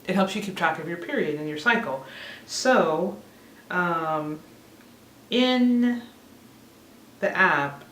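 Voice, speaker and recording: Talking to camera, a thirtysomething female vlogger rambles in a relaxed way and often laughs at her own remarks; her voice is low and fairly bright. She sits a bit away from the mic, so she sounds distant, and the echoey room carries a faint background hiss.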